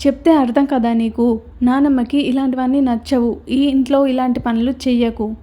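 A woman's voice: high-pitched, fairly even intonation, normal speed, warm tone, close to an everyday voice. A woman voicing an angry young man who scolds and threatens in a storybook reading. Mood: stern anger. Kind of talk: storybook character voice.

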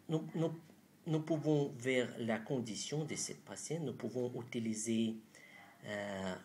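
A man in his thirties with a foreign accent in French, a non-native speaker giving a halting instructional presentation, searching for words. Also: fairly low pitch, darkish tone, slight background noise. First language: not French. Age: 30s. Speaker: doctor presenting an acupuncture method. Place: small room indoors.

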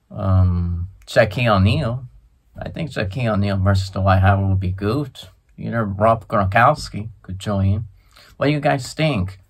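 A young man talks casually to the camera as a video creator. His voice sits a bit low, and he goes slowly, pausing between short phrases. He is recorded in a small room. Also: a bit bright. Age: young adult. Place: small indoor room with coats on a rack.

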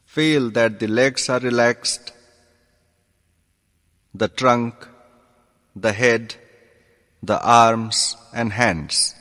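Speaking very slowly in brief, measured phrases, a male yoga teacher guides a meditation with calm deliberation. His pitch is mid-range, and a lengthy hall-like reverb hangs on the recording.

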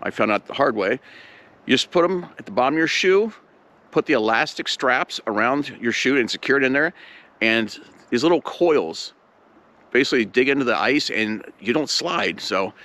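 A man's voice: medium pitch, lively intonation, moderate pace, sharp tone. A man from Ohio vlogging casually while hiking outdoors on a snowy trail, easygoing and self-deprecating, with frequent filler words.

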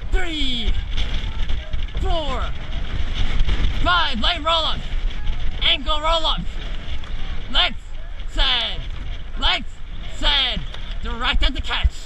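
A man's voice: very high voice, animated, drawn-out words, vocal fry, pauses often. A teenage male coxswain calling out urgent, clipped, repeated commands to a rowing crew. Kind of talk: shouted race calls to a rowing crew. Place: outdoors in a racing shell on a lake. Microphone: camera mounted on the boat near the speaker. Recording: action camera outdoors, wind and water noise.

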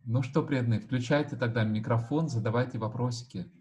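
A man's voice: mid-range voice, quick pace. A native Russian-speaking man giving a live translation voice-over, relaying a speaker's words phrase by phrase in an online talk. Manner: relays each phrase right after the speaker, plain and even. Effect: translation voice-over, interpreting the speaker aloud. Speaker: live interpreter. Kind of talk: consecutive interpreting in an online talk.

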